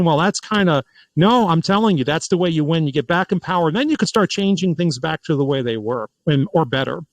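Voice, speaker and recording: A man hosting a political podcast in casual commentary, talking in an animated way and often restarting and repeating words. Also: a little high, dry recording, low-quality recording. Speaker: podcast host.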